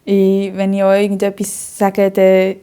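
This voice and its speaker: A woman's voice: medium pitch, monotone, a little slow, dark tone, clean tone. A young woman with a Bernese Swiss German accent, telling her own story in an interview, often breaking into hearty laughter and talking at length with many fillers and restarts.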